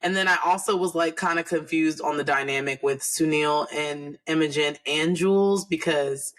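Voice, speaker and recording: A man's voice: on the high side, moderate pace, a bit bright. A man co-hosting a podcast, talking in a casual, rambling way with frequent restarts. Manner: rambling, hesitant, restarts often. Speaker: podcast co-host. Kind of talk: casual chat.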